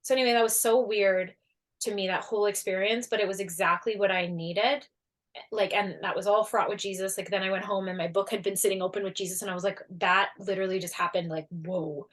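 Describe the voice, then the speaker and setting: A woman guest tells a long personal story in a casual, chatty way. She jumps into quoted voices, leans on fillers like "like", and sits at an everyday middle pitch. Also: fast. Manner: animated, acts out quoted voices, many fillers. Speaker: guest, energy healer and coach.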